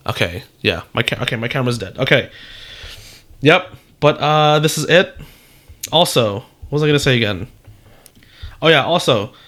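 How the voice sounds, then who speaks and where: A man's voice: medium pitch, a bit bright. A young man casually walking through a script on screen, rambling with lots of fillers and "right?", often apologizing and trailing off into a mutter. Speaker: copywriter teaching script writing. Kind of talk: casual screen-share tutorial.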